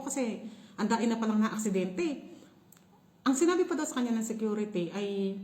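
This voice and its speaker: A young Filipina woman telling a story in a casual vlog, animated and laughing often. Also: fairly high pitch, roomy sound. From Philippines. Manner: animated, laughing, shrieks when reenacting. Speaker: vlogger.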